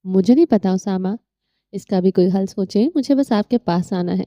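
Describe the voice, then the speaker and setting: A woman voicing a soft, innocent young woman. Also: medium pitch, no echo, lightly acted. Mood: gentle. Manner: soft, gentle. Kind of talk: audio novel reading.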